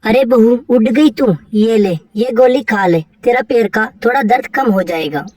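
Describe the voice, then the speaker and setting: A woman's voice: fairly high pitch, a little slow, distant mic, poor audio. A woman voicing a kind, reassuring middle-aged mother-in-law in a cartoon story. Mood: caring. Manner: warm, reassuring.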